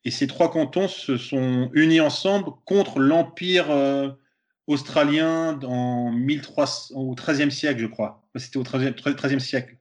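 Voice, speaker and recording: Comedian guest, Swiss French man, hesitant, stumbling over words, mid pitch. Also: a little slow. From Switzerland. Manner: hesitant, many repeated words and fillers. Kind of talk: casual podcast chat.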